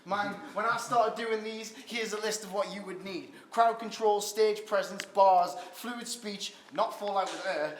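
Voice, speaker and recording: A man's voice: high-pitched, fairly even intonation, a little slow, hardly any pauses. A man rapping a crude, mocking battle verse. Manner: mocking, crude, laughing between bars. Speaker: battle rapper. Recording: echoey, noisy live venue.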